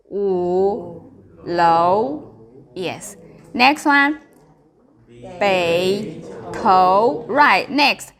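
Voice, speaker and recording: A woman's voice: fairly high pitch, fairly bright tone. A woman with a Chinese accent teaching beginners, practicing tones by demonstrating syllables and giving short prompts and corrections. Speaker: Mandarin Chinese language teacher.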